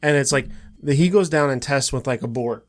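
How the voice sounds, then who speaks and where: Podcast guy cracking up retelling stuff, casual chat, regular pitch. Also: brisk. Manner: amused, laughing through his retellings. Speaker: podcast co-host.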